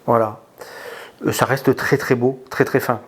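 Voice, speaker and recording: A man giving a casual spoken product review, hesitant, with many pauses and filler sounds. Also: mid-range voice, steady tone. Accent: non-native in English words.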